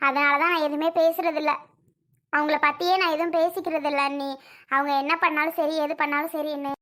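A child voicing a gentle, tearful young married woman who pleads and apologizes. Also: sits high, little pitch movement, a little fast. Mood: pleading. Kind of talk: homemade family drama.

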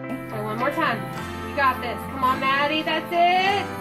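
A woman's voice: high-pitched, lively intonation, moderate pace. A woman coaching a mother through pushing like an encouraging midwife in a delivery room. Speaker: birth attendant coaching a delivery. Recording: music over a distant room voice.

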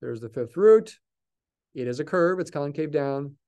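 Older man lecturing calculus, mellow and smooth. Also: fairly high pitch, lively intonation, a little slow. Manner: patient, thinking aloud while writing. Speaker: math lecturer.

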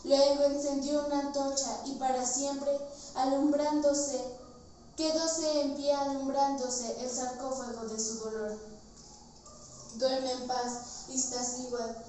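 A teenage student with a central Mexican accent gives a grand, solemn, theatrical poetry declamation in a high, warm voice, unhurried and with little pitch movement, projecting across the room. A far-off camera captures her in a bare, tiled-floor indoor room that is very echoey, with faint noise.

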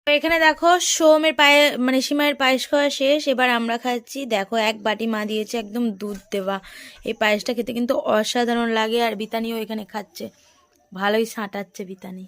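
A woman with a fairly high voice films a casual vlog at home on her phone. She chats straight to her viewers in an easy, friendly way. At night she lowers her voice so the child beside her can sleep. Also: clear, resonant tone. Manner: chatty, addresses viewers directly. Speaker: family vlogger. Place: family home, indoors.

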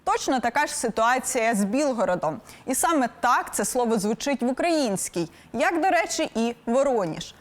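A young woman philologist presenting a scripted educational lesson with a Ukrainian accent, clear and didactic with a light wry touch. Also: a little high, very animated, moderate pace, few pauses.

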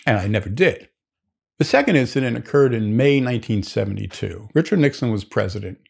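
A man's voice: mid-range voice, lively intonation, brisk, gravelly, husky. An older man, a naval historian, telling long rambling stories from his student days with many restarts and asides. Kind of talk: anecdotal storytelling.

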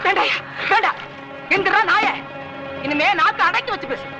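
A fiery village woman hurls insults in a very high, swooping voice, with loud film music under her. She is defiant and unafraid. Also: animated, moderate pace. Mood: commanding. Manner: shouting, cursing, defiant. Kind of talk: 1980s-90s Tamil film drama dialogue.

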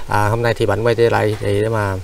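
A man's voice: on the low side, little pitch movement, fairly quick, gravelly, slight background noise, rough recording. A man hosting a charity vlog, talking with many hesitant fillers and polite address to viewers. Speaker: charity vlogger host. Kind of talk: casual vlog narration and chat.

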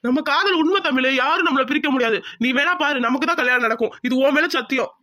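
A man's voice: extremely high pitch, quick pace, pushed and bright. A performer voicing a devoted young village man in a cartoon, pleading with the woman he loves. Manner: pleading, earnest promises. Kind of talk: cartoon voice acting.

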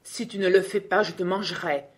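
A woman's voice: on the low side, fairly even intonation, a little fast, lightly acted. A woman doing a sly storybook wolf. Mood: threatening. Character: big bad male wolf, sly and menacing.

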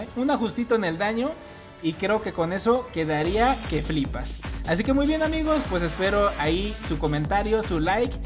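A high-voiced man calling out a shooter match live, his pitch leaping all over as he yelps and hollers. He repeats phrases in rapid pairs, and game music plays loudly behind him. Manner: excitable, bursts into shouts and cries; repeats phrases in quick doubles. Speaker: gameplay streamer. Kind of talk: excited live gameplay commentary.

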